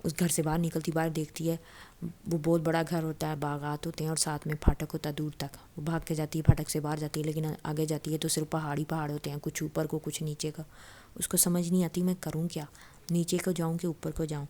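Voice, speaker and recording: A woman retells a novel in a relaxed, conversational way, slipping in fillers and restarting phrases as she paraphrases the characters' lines. Her voice sits low and dark-toned, and her delivery stays steady and flat, with little rise or fall. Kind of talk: casual spoken story retelling.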